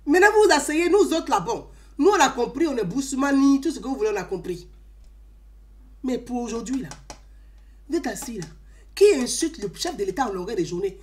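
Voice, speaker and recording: A woman with an Ivorian French accent delivering an impassioned political monologue, emphatic and scolding, swinging between loud outbursts and low asides. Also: expressive, brisk, long pauses.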